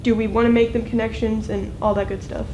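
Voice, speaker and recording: An American woman in her late teens gives informal comment as a student. Her voice is fairly high and flat in intonation, with halting, conversational phrasing over a faint rumble. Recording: faint rumbling background noise.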